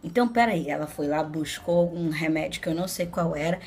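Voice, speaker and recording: Young brazilian woman chatting to her followers, lowish voice, laughs a lot and acts out the quotes. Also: little pitch movement, brisk, a little mellow. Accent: Brazilian Portuguese. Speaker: vlogger. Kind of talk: casual storytelling to viewers.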